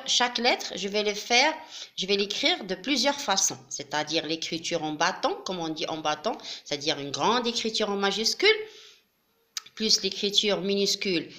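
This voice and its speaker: A woman explaining a classroom craft step by step, patient and methodical, with frequent pauses and fillers. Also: mid-range voice, sharp tone. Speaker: teacher.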